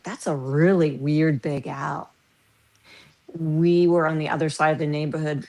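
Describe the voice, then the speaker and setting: A woman's voice: sits low, a little mellow. A woman in her fifties from the American Midwest, a podcast guest telling stories animatedly and laughing through them. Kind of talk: casual storytelling.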